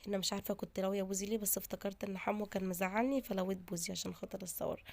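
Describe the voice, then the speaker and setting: A woman's voice: mid-range voice, steady tone, racing, creaky, darkish tone. A woman with an Egyptian Arabic accent, chatting casually to her viewers in a daily vlog. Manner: chatty, talks straight to viewers. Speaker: vlogger.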